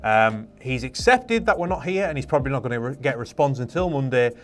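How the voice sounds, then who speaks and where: A man's voice: mid-range voice, expressive, fast talker, a bit bright. A British man presenting for a shop, casually reading out customer reviews in wry disbelief, with music behind him. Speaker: presenter for an airsoft and paintball shop.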